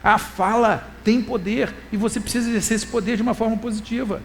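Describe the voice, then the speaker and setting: Animated Brazilian preacher man, high voice. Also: gravelly, slight background noise. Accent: Brazilian Portuguese. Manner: animated, swings between loud emphasis and quiet asides; quotes scripture in a slow, deliberate reading voice. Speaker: preacher and lecturer. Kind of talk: church talk sermon.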